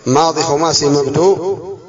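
A man's voice: on the high side, moderate pace, a little mellow. A man teaching an Arabic spelling lesson, reading from a text, explaining it and quizzing his students, repeating key words. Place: classroom. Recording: distant dull classroom recording with students around.

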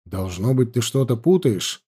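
Brief: male reader as a measured, cold werewolf chief, dark-toned and guarded. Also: medium pitch, big pitch swings, husky, pitched below the performer's own voice.

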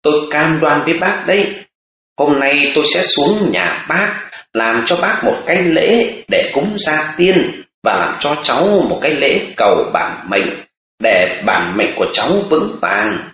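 A man playing a kindly, wise old village scholar who speaks in a gentle, reassuring way. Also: on the high side, very animated, unhurried, heavily acted. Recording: echoey, dull audiobook recording.

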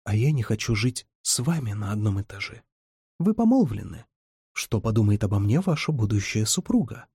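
A man's voice: lowish voice, big pitch swings, normal speed, dark tone, breathy edge, no echo, clean studio sound, heavily acted. A man reading the lines of a spirited, teasing young woman in an audiobook, lifting his voice somewhat for her.

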